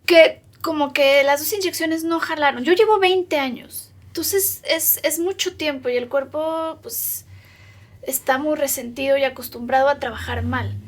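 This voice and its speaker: A woman with a Mexican accent speaks in a high, light voice in a documentary interview. She stumbles and repeats words as she works through long lists. She is recorded in a doctor's consulting room. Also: a little slow. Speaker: patient interviewee.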